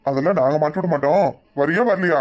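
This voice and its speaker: A man's voice: a little high, fast, close to an everyday voice. A man voicing a bossy, teasing young village man, with a Kanyakumari Tamil accent.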